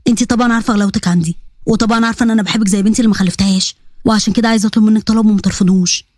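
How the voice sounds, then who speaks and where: A woman voicing a caring middle-aged uncle with an Egyptian accent, in a soft, coaxing, fatherly way, for a narrated story. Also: mid-range voice, fairly even intonation, rapid-fire, no room sound, studio quality, pitched below the performer's own voice, natural voice.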